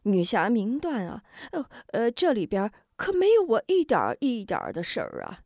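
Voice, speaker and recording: A woman's voice: a little high, wildly swooping pitch, moderate pace, a little mellow, no room sound, studio quality, voice pushed up, heavily acted. A woman voicing a cowardly male henchman who grovels and stammers, full of nervous fillers. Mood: pleading, panicky.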